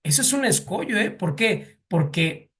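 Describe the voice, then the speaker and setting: Man, Mexican Spanish accent, teacher, slow delivery, hesitant with fillers, quizzes the class. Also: sits high, very animated, a bit bright. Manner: hesitant, many fillers and repeated words; asks the class questions. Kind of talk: classroom lecture.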